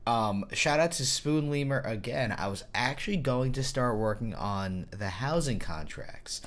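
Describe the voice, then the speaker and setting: A gaming YouTuber, hoarse from a cold, gives casual, self-mocking commentary over his own gameplay, thinking aloud and getting excited at small wins. He speaks a little slowly in a mid-range voice.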